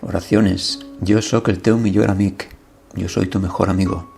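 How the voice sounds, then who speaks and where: A man teaching a language lesson, reading verb conjugations and example sentences aloud in a slow, methodical way. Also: deep voice, fairly even intonation, gravelly, a little mellow, faint music behind.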